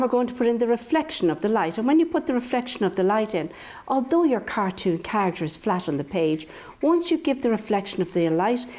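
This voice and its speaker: A woman with a medium-pitched voice leads a drawing lesson for young children. She addresses them directly and playfully, encouraging them through simple step-by-step instructions. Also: darkish tone.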